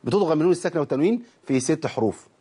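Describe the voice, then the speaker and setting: A man's voice: on the high side, expressive, rapid-fire, warm tone, husky. A man with an Egyptian accent teaching the rules of Quran recitation, explaining verse lines in casual colloquial speech and quizzing his students. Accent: Egyptian Arabic. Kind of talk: religious lesson explaining verses.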